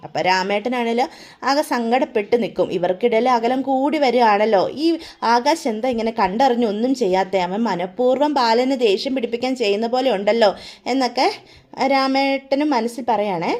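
A woman retelling a TV serial episode in a casual, animated way, acting out the characters' lines. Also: on the high side. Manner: animated, switches into characters' voices for quoted lines. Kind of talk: casual spoken retelling with acted dialogue.

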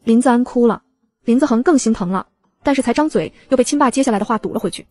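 A woman narrating a web novel audiobook in a brisk, even storytelling voice. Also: fairly high pitch.

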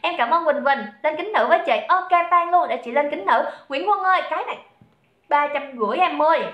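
Hosting a live sales stream, a young woman from Saigon speaks with a Southern Vietnamese accent, joking with her audience and greeting people by name. She has a high, lively voice and moves at a fairly quick pace, captured in lo-fi sound with roomy echo.

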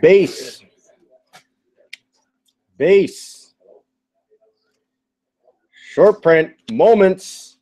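Hosting a card box break in a card shop with onlookers seated nearby, a man calls out each item in clipped, terse bursts. His voice is high-pitched, animated and a little mellow, but he speaks very slowly with long pauses, and the audio quality is poor.

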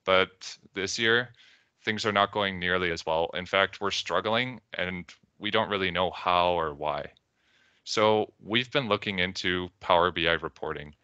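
Presenting at a conference by video call, a young man with a Canadian accent tells a story, voicing the characters he quotes. He speaks a little slowly in a low, clear, resonant, pushed and bright voice. There is no echo, but the recording sounds muffled.

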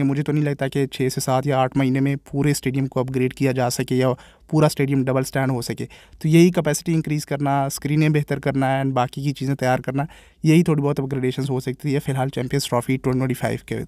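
A man's voice: mid-range voice, flat delivery, fast talker, darkish tone, dry recording, clean studio sound. A man with a Pakistani Urdu accent, a cricket vlogger giving casual, exasperated commentary straight to his viewers. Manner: opinionated, exasperated, addresses viewers as brother.

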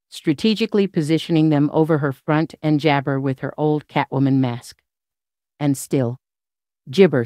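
A woman reading scripted celebrity news in an even, flat way with odd stresses. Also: low voice, no echo, studio quality. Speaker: news narrator.

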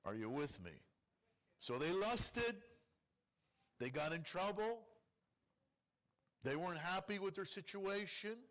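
Male rabbi at the pulpit, slightly higher-pitched voice, preaching in a call-and-response manner. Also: lively intonation, takes it slowly, pauses often, fairly bright tone. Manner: acts out complaining prayers in a pleading voice. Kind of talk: sermon. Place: congregation hall.

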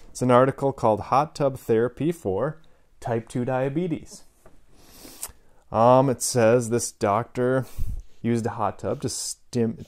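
Man explaining study papers to camera. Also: mid-range voice. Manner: lively, stresses key numbers, reads from a paper. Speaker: health educator. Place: studio with a plain grey backdrop. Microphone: lapel mic.

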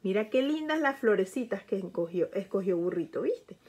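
A woman reading a picture book aloud to children, gently asking the young listener questions. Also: medium pitch, lively intonation, moderate pace, husky. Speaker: storyteller.

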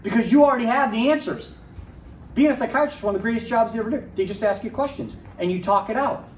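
A man giving a conversational Bible teaching to a recovery group, lively and full of rhetorical questions. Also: very high-pitched, fast talker. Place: church meeting room. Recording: echoey church room, distant mic, faint hiss.

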